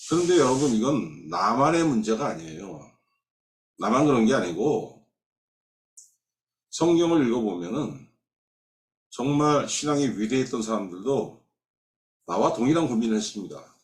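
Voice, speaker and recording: A man preaching a Sunday sermon as pastor, emphatic, acting out quoted voices and dropping suddenly to soft. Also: mid-range voice, big pitch swings, normal speed, pauses often. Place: church sanctuary. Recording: roomy church sanctuary sound.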